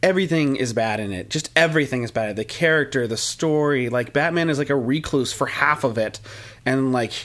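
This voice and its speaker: A man's voice: medium pitch, brisk, a bit bright. A man co-hosting a podcast in casual chat, rambling and joking, sometimes mimicking movie lines. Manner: rambling, jokey, slips into mocking movie voices. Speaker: podcast co-host.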